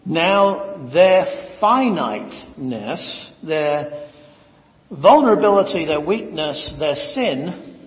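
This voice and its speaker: A man delivers a sermon in a fairly high voice, unhurried and measured. His stressed words climb upward. The recording is dull and lo-fi, with a long hall reverb trailing each phrase. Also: big pitch swings. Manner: slow, deliberate, with rising emphatic stresses. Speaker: preacher. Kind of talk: expository sermon.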